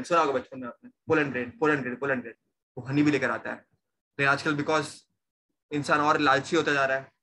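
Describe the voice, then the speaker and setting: A man's voice: on the high side, bright, forceful tone, a little hiss or hum. A young man teaching a science class, repeating questions to his students and mixing in English terms. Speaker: science tutor. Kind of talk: online class lecture.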